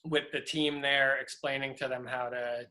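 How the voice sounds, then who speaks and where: Over a video call, a middle-aged prop master from Louisiana spins stories in a laid-back interview, wandering off track with frequent fillers and false starts. He has a mid-range voice and talks at normal speed.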